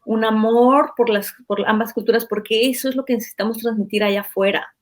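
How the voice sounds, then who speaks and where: A woman from Mexico with a Mexican accent, a guest in an interview who tells anecdotes in a chatty, animated way and often repeats words. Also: fairly high pitch, a little fast. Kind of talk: conversational interview storytelling.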